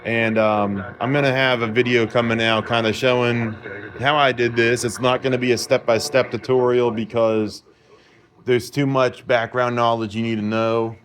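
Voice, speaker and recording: A slight hiss or hum sits under this man's medium-pitched, somewhat bright voice, delivered flatly at normal speed. He's a vlogger in an indoor repair shop, giving an informal, confident, rambling demo of a vintage car radio he repaired, much like a hobbyist.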